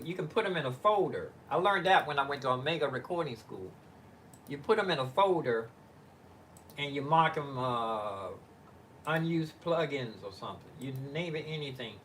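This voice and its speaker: A man's voice: medium pitch, a bit bright, a little hiss or hum. An older man on a live stream from his living-room home studio, talking casually. He meanders and halts, thinking aloud with many fillers and restarts. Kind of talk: rambling live-stream chat.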